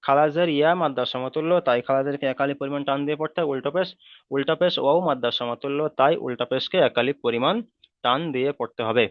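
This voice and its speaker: স্পষ্ট কণ্ঠের পুরুষ শিক্ষক, অনলাইন ক্লাসে. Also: male voice, medium pitch, steady tone, dry recording. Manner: patient, repeats rules and drills letters slowly. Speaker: Quran reading teacher. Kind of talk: online class instruction. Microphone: video call. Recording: tinny phone-like online call audio.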